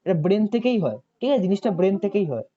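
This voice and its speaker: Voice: medium pitch, sing-song, rapid-fire, mellow. A tutor giving a chatty online coaching lesson, often asking students questions and checking if they follow. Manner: chatty, asks students questions and repeats "ঠিক আছে". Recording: dull lo-fi audio.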